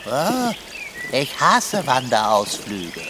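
A grumpy, pompous talking tomcat. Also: male voice, medium pitch, wildly swooping pitch, takes it slowly, noisy background. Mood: grumbling. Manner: whiny and lordly, fussy word choice. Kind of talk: children's radio play. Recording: outdoor nature ambience behind.

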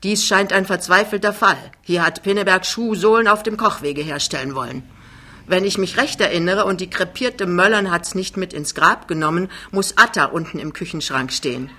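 Lady doing a big jolly guy in a storybook, loud and smooth-talking, bright sharp tone. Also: fairly low pitch, moderate pace. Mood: jovial. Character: big cheerful male giant, glib charmer.

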